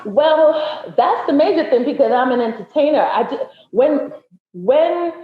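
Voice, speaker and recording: A woman's voice: high-pitched, lively intonation, a little slow, a little hiss or hum. A woman, an entertainer, talking as a podcast guest in an articulate, emphatic way. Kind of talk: casual interview chat. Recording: echoey, dull lo-fi sound.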